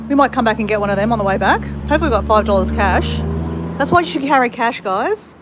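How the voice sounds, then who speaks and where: Fast-talking and animated, this Australian woman speaks in a slightly high voice, chatting straight to her viewers as "guys." The casual walking vlog takes her outdoors through a country town and along a creek, with background noise in the mix.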